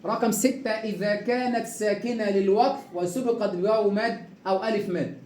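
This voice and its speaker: A man with an Egyptian accent teaching Quran recitation rules, stretching out example words slowly and quizzing the listener. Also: sits high, steady tone, a little mellow, echoey room, slight background noise. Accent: Egyptian Arabic. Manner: drawn-out slow repeating of example words, quizzing questions. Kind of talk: tajweed lesson.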